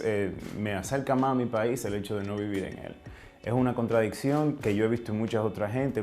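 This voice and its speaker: A writer from the Dominican Republic speaks reflectively as an interview guest, with a Dominican Spanish accent and a darkish voice on the low side. He often searches for words and ends phrases with question tags.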